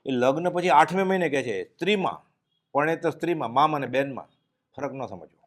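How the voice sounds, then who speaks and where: A man's voice: animated, fairly quick. Man giving a devotional discourse. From Gujarat, India. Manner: storytelling, mixing in English words, voice dropping low and quiet for solemn moments. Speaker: spiritual speaker giving a discourse.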